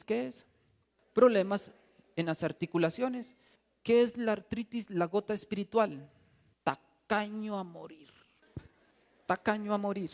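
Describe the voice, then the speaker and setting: Brief: priest, sermon, lively and joking, high voice, long church reverb. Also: male voice. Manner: animated, humorous storytelling.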